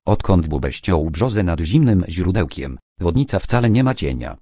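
A man's voice: deep voice, big pitch swings, normal speed, mellow, breathy edge, no echo, clean studio sound, exaggerated voice. A man voicing a wise old female owl in a children's story, offering understanding advice. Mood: advising.

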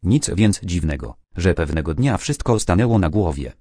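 A man narrating children's stories and poems aloud in a clear, even storytelling manner. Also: low voice, moderate pace, no room sound, clean studio sound.

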